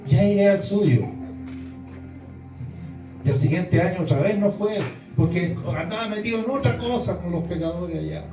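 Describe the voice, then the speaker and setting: High-voiced preacher in an echoey hall. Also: male voice, brisk, few pauses. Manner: emphatic, rising to exclamations and acted quotes. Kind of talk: sermon. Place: church hall before a congregation. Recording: distant, echoey, dull hall recording with faint music.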